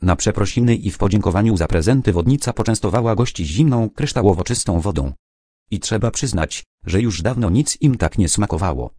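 A man narrating a children's story in a calm, gentle storytelling manner. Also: on the low side, a little fast, slightly rough, dry recording, clean studio sound.

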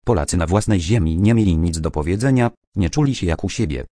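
A man reading out the lines of a calm female schoolteacher who explains things patiently. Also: deep voice, quick pace, no echo, clean studio sound. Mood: explaining.

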